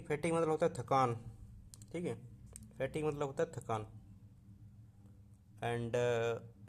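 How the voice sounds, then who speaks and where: A young man runs through a vocabulary list for exam students. He reads each word aloud, repeats it and corrects himself as he goes. His voice sits at a middle pitch. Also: darkish tone, slight background noise. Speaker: teacher. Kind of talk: vocabulary lesson.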